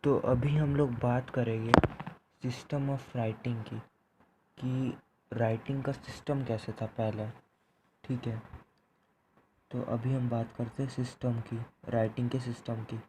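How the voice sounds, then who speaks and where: A man's voice: medium pitch, flat delivery, measured pace, noisy background. A man teaching a history class, explaining step by step and checking in with "theek hai" after each point. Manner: repeats points, ends phrases with "theek hai".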